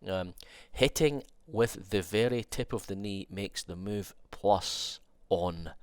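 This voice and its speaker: A young man with a low voice, made nasal by a cold, talks fast and excitedly through a fighting game trailer. He rambles and restarts, thinking aloud, and his tone stays smooth and resonant. The sound is close and dry. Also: no room sound. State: has a cold. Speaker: fighting game content creator. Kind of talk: excited trailer breakdown commentary.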